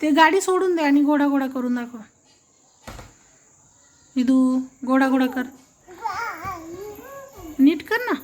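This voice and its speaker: A woman with a high voice talks slowly and gently to a small child at home. She coaxes in baby talk and repeats every prompt over and over to get the toddler to answer. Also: animated, slight background noise. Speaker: family member coaxing a toddler to talk. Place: indoors at home.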